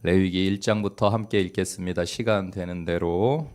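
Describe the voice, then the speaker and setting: A middle-aged man, a pastor, preaching a Sunday sermon in a church, moving between quiet, low passages and loud, urging exhortation with light jokes. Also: fairly even intonation, moderate pace. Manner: swings from hushed, low delivery to loud, exhorting peaks. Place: church sanctuary.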